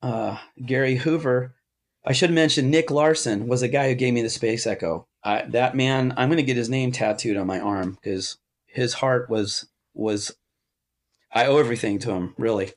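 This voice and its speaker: A man as an interview guest, telling a casual story in a rambling way, with many restarts and asides, and animated when he quotes others. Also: mid-range voice, moderate pace. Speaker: interview guest, amp builder.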